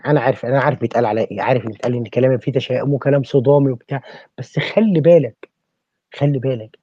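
Speaking with an Egyptian Arabic accent, a man argues passionately in a podcast discussion, firing off rhetorical questions like a preacher. His medium-pitched voice is warm and slightly rough. The lo-fi recording sounds dull, with no echo.

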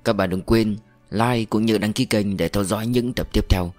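A man narrating a mystery novel as an audiobook reader, in a calm, steady storytelling manner. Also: fairly low pitch, normal speed, soft background music.

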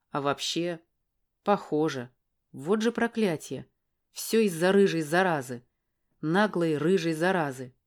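A woman narrating a first-person audiobook in a brisk, wry storytelling manner. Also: lowish voice, a little mellow.

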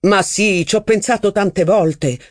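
A man voicing an eager, impetuous young aristocratic officer who is excitable, insistent and quick to cheer. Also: high voice, no room sound, studio quality, pitched above the performer's own voice. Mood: excited.

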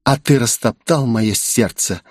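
A man's voice: mid-range voice, a little slow, dry recording, studio quality, lightly acted. A man voicing a young female pop singer who sweetly sings about killing her first love, in an audiobook. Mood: yearning. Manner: sing-song, obsessive repetition. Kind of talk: audiobook character voice.

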